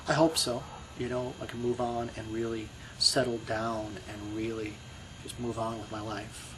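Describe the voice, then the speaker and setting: In a casual personal monologue for his video blog, a middle-aged man with a Brooklyn accent reflects and rambles, with frequent you-knows and restarts. He talks at normal speed in a medium-pitched, level voice, with background noise present.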